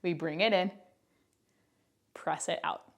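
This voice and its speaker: A woman in her twenties teaches a Pilates class indoors at home, wearing a mic as she counts down reps with chatty, encouraging asides, a little out of breath. Her voice is on the low side and slow.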